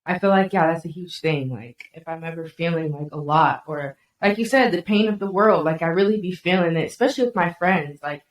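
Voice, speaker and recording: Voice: mid-range voice, a little fast, few pauses, slight background noise. A podcast host chatting casually and supportively, full of "like" and "facts". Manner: casual, affirming, says "facts" and "like" often. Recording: echoey room, voice off-mic.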